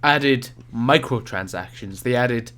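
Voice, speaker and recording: A man's voice: medium pitch, slow, fairly bright tone. A young man co-hosting a casual podcast, nasal and stuffed up from a cold, rambling and stumbling over his words. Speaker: podcast co-host.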